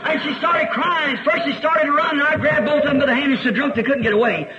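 High bright-voiced American preacher, old recording. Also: male voice, fairly quick. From United States. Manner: earnest, rises to fervent exclamations. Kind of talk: storytelling sermon. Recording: dull archive recording with faint hiss.

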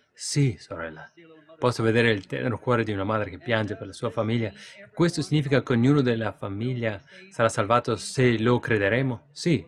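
A man preaching a sermon and answering questions, emphatic and full of "see?" asides, building into excited storytelling. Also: medium pitch.

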